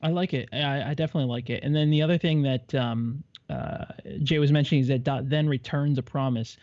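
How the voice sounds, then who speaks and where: A man co-hosting a live coding show, relaxed and a little hesitant as he guides his partner step by step. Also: mid-range voice, a little fast, no room sound. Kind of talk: casual coaching during live coding. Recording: slightly muffled, dry mic.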